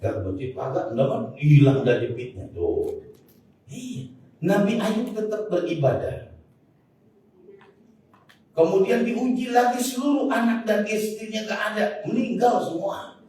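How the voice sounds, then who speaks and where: A man's voice: high voice, big pitch swings, measured pace, long pauses, warm tone. A man with a Betawi accent preaches a joking sermon, often turning to address the audience directly. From Jakarta, Indonesia. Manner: jokes and often turns to the audience to address them. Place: large mosque hall. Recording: very echoey hall, voice from far off, faint noise.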